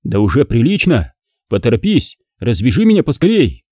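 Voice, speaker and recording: A desperate male crook, voiced by the narrator, pleads and wheedles to be untied. The tone is darkish and mellow. The recording is close and dry. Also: mid-range voice, wildly swooping pitch, normal speed, no room sound. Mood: desperate pleading.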